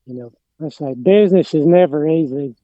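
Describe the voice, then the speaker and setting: Fairly quick and a little high-pitched, a middle-aged Appalachian man who runs a lawn care business chats casually as a podcast guest, rambling hesitantly and frequently trailing off. There's no echo, though the audio is narrow and tinny.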